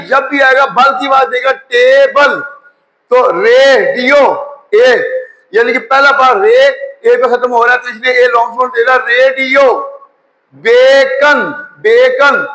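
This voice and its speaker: A middle-aged man giving a spoken English grammar lecture, explaining slowly, repeating words and spelling them out letter by letter. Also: very high-pitched, sharp tone, poor audio. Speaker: English teacher.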